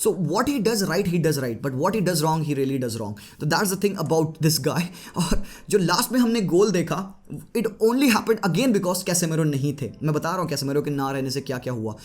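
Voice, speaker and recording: A man's voice: on the high side, a little slow. Chatty male football analyst. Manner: lively Hinglish commentary, mixing Hindi and English; chatty, addresses viewers as bhai. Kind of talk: casual tactical breakdown.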